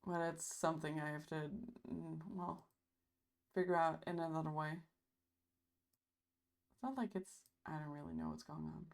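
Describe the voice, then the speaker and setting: Gravelly-voiced woman streamer, losing voice. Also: low-pitched, very animated, normal speed, pauses often. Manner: chatty, thanks viewers often. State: losing her voice. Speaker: livestream host. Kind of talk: casual stream chat.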